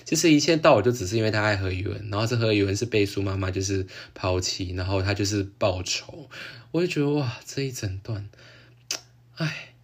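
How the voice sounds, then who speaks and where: A man with a Taiwanese Mandarin accent talks his way through a casual solo podcast, chatty and excitable. His voice sits a little on the low side, and he breaks into frequent laughs and exclamations. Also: fairly quick. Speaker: podcast host. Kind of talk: casual solo chat about a TV drama.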